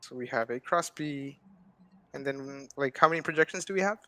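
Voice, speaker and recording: A man's voice: mid-range voice, fairly quick, pushed and bright, dry recording, poor audio. Young man explaining math, dry sound. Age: young adult. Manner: chatty, hedging fillers, checks with "right?". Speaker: guest speaker, math student. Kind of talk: casual math explanation over video call. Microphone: video call mic.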